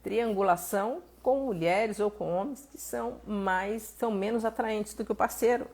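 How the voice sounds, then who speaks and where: A Brazilian woman therapist chats to her viewers and reads their messages aloud. Her voice is husky, sits at a middle pitch for a woman, and she acts out exclamations with lively jumps in tone. The talk is conversational and animated. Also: moderate pace. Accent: Brazilian Portuguese. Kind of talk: live stream answering viewers' comments.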